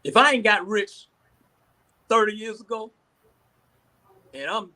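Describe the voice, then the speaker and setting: Man in his sixties, higher-pitched Southern voice. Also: expressive, slow pace, pushed and bright. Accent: Southern American. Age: 60s. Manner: informal, repeats phrases. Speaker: panelist. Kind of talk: casual discussion.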